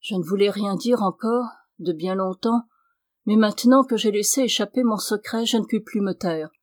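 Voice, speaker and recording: An ardent young gentleman pours out his love in pleading, impassioned words, as a woman reader voices him. The sound is close and dry, with no room around it. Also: medium pitch, normal speed, no echo, close to an everyday voice.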